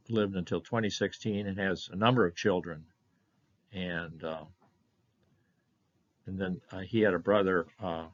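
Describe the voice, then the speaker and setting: An older man presenting a slide lecture on his family history, halting often with fillers and restarts. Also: on the low side, pushed and bright. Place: meeting room of a historical society. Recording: dull lo-fi lecture recording.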